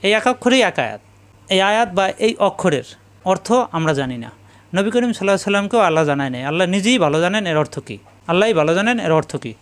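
High, clear-voiced male Quran teacher. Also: very animated. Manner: slow, drilling letter sounds one by one and repeating them; chanted elongated recitation of Arabic letters. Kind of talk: step-by-step pronunciation lesson.

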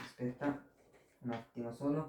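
A Bengali-speaking man teaching Italian grammar, explaining step by step with many rhetorical questions and repeating words slowly. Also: mid-range voice, steady tone, darkish tone, reverberant, a little hiss or hum. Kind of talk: informal online language lesson.

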